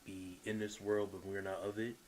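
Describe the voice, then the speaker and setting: A man's voice: lowish voice, level tone, moderate pace, darkish tone, low-quality recording. A man streaming, commenting casually and hesitantly with many fillers.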